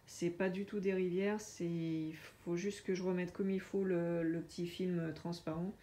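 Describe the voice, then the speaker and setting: A woman chatting casually through a craft unboxing, hesitant with many filler pauses. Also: on the low side, level tone, mellow. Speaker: diamond painting vlogger.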